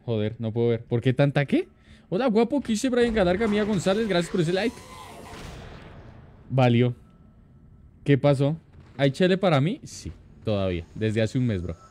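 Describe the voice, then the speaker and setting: A man's voice: a little high, big pitch swings, normal speed, long pauses, a little mellow. A man, streaming live and chatting casually, greeting and thanking viewers by name.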